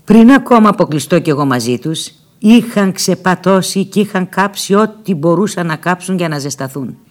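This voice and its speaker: A woman narrating a first-person novel aloud in an expressive, dramatic storytelling manner. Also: lowish voice. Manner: expressive, dramatic storytelling with lively shifts in loudness. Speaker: audiobook narrator.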